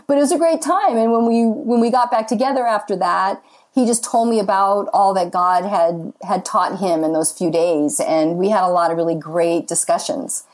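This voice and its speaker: A woman in her fifties, appearing as a podcast guest, talks earnestly and chattily about faith and marriage, using lots of casual fillers. Her mid-range voice moves at a moderate pace.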